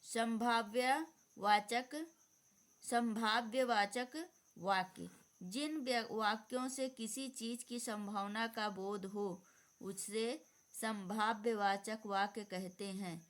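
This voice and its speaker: A woman's voice: a little high, slow pace. A woman teacher giving an exam-prep grammar lesson, dictating definitions and repeating them.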